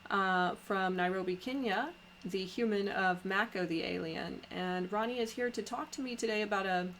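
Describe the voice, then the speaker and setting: A woman hosting a podcast in casual conversation, talking haltingly with many pauses and restarts. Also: medium pitch, a bit bright, a little hiss or hum. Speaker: podcast host.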